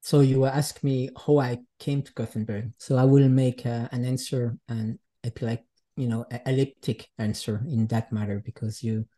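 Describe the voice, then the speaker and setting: A man from Switzerland talks as a guest in an unhurried conversation. His voice sounds dark and mellow. He often pauses and hunts for the right words. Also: mid-range voice, fairly even intonation. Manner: reflective, searching for words, speaks English as a second language. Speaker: guest artist. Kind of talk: casual conversation.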